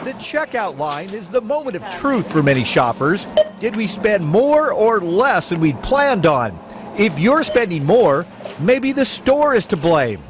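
Guy reporter voice, high and bouncy, some hiss under it. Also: unhurried. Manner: lively, polished delivery. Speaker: news reporter. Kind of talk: news report narration. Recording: noisy broadcast audio.

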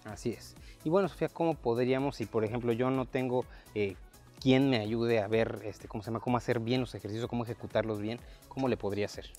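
A man in his thirties, a fitness coach and host, leads a casual fitness chat in an outdoor park workout area, talking loosely and relaxed with frequent fillers on a lapel mic. His medium-pitched voice moves fast, with faint music behind.

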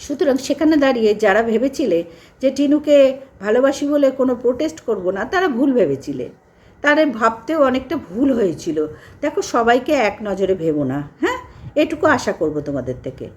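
A woman vlogger giving an indignant critical commentary, repeating her points with emphasis. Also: fairly quick. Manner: indignant, repetitive, lively pitch swings.

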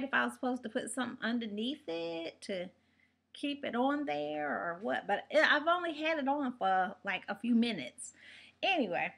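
A woman with a bright, clear voice that sits a little high talks casually to her camera at home. She rambles cheerfully from one thing to the next as a shopping vlogger. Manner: chatty, rambling storyteller with laughs. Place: home room.

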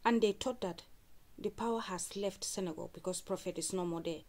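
Female host, lower register, conversational reaction commentary, recaps each clip for viewers. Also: fairly quick, darkish tone. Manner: recaps and repeats what was said, addresses viewers.

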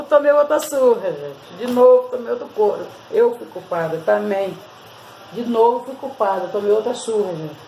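Chatty Brazilian woman with a gravelly voice. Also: on the high side, warm tone, a little hiss or hum, low-quality recording. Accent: Brazilian Portuguese. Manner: chatty, constantly addresses viewers. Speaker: vlogger. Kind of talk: casual storytelling and hair-care tips.

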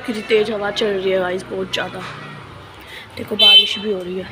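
A woman's voice: mid-range voice, little pitch movement, moderate pace, background noise. A woman chatting casually to her viewers in a daily home vlog, filmed on her phone and addressing them as guys. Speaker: vlogger. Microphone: handheld phone camera.

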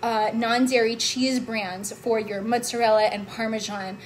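Brief: young woman, bright high voice, bubbly live-stream cooking host, faint rumble behind her. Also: fairly even intonation, unhurried. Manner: bubbly, gushing, upbeat, addresses viewers as "guys" and "love". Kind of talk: live-stream cooking chat, reading viewer comments. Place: home kitchen.

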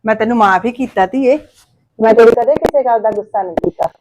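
Actress as an older mother-in-law, soft, coaxing, motherly, slightly high voice. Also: fast, lightly acted, rough recording. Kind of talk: village family short-film acting.

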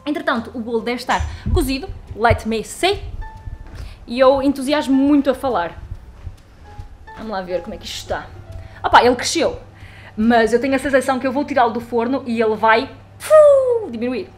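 A young woman with a European Portuguese accent, chatting excitedly in a casual vlog filmed on a handheld camera. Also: a little high, normal speed, soft background music. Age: young adult. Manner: chatty, excitable, talks to her cat. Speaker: vlogger. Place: home kitchen and garden.

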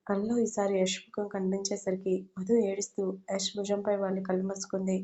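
A woman reads a romantic audio story aloud in a warm, mellow voice that stays fairly flat and even. The recording is a little dull and lo-fi. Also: mid-range voice.

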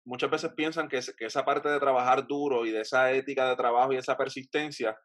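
Young Puerto Rican male host, middle pitch, dry webcam sound, long, winding questions. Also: fairly even intonation, fast, fairly bright tone, no room sound. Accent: Puerto Rican Spanish. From Puerto Rico. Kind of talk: casual interview over video call. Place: home room with bookshelves, indoors. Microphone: webcam on a video call.

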